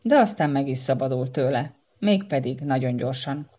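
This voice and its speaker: A woman's voice: rumbling low, lively intonation, dark tone. A snooty monkey guest from a storybook explains things with lofty disdain, as a woman narrator puts him on. Dull lo-fi sound. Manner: dismissive, talking down.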